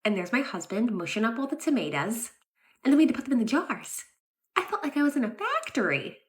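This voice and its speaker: A woman in her thirties performing comic skits and chatting casually, with an animated, exasperated and sarcastic way of talking. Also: fairly high pitch, fast talker. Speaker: comedy skit creator. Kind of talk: comic point-of-view skits and casual vlog narration.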